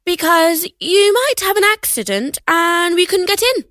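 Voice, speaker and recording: A woman's voice: extremely high pitch, very animated, measured pace, a bit bright, no room sound, studio quality, voice pushed up, heavily acted. A woman reading aloud and voicing an overprotective, fussy mother in a storybook. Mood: worried.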